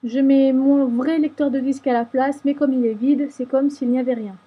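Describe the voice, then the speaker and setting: High, breathy woman explaining software steps. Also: steady tone, normal speed, lo-fi sound. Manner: patient step-by-step explaining. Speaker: tutorial maker. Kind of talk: screen-recorded software tutorial.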